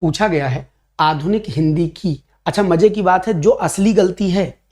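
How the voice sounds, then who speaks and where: A man teaching a Hindi grammar class for an exam, lively and playful, reading out comments and answering them. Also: high voice, unhurried. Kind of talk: online exam-prep class.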